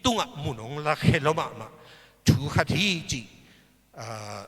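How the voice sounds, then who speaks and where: A man preaching a sermon at a church service, slow and emphatic, with big swings in pitch and loudness. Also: expressive, husky, big-room sound.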